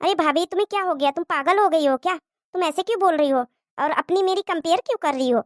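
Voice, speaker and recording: A woman's voice: extremely high pitch, fast, no echo, clean studio sound. Woman doing a smug, mocking young sister-in-law. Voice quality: mocking, sneering.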